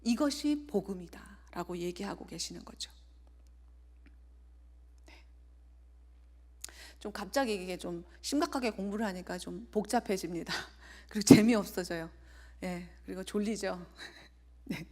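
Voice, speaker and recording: A woman's voice: medium pitch, unhurried, pauses often, dark tone. A woman in her forties, an evangelist, preaching and sharing a personal testimony in an earnest way, often sinking to a near whisper.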